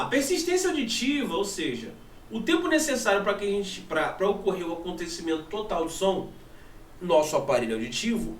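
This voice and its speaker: A Brazilian man teaching a physics lesson, lively, asking and answering his own questions. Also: high voice, a little hiss or hum. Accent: Brazilian Portuguese. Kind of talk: classroom lesson. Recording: echoey room from a distant mic, faint ambience.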